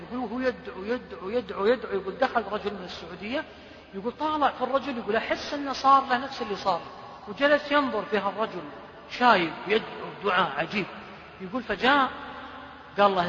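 A man's voice: high-pitched, bright, forceful tone. A man, preaching a sermon and retelling stories emotionally, quoting people as he goes. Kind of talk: sermon storytelling. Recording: echoey hall, dull lo-fi sound.

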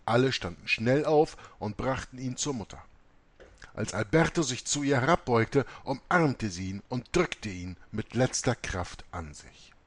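A man narrating an audiobook in an expressive storytelling manner. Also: medium pitch, a little slow. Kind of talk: audiobook reading.

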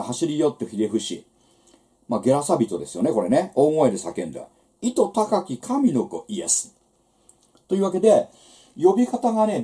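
A man's voice: mid-range voice, warm tone. A man giving a church seminar lecture on the Bible, teaching in a conversational way with rhetorical asides.

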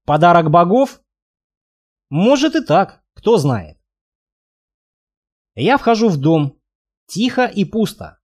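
A man reading a first-person fantasy audiobook aloud in a lively, expressive way. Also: high-pitched, takes it slowly, long pauses. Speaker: audiobook narrator.

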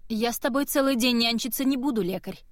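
A woman's voice: a little high, quick pace, no echo, voice pushed up, natural voice. Brief: woman voicing a snippy royal, impatient and condescending, dry booth sound. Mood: scolding. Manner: haughty, scolding. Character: haughty impatient masked princess, young woman.

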